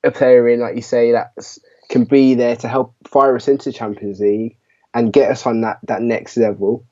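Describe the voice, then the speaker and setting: Mellow man, lo-fi sound. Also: mid-range voice, flat delivery, moderate pace. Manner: agreeable, many "yeah"s and "you know"s. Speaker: podcast co-host. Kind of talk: casual fan podcast chat. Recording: dull lo-fi audio.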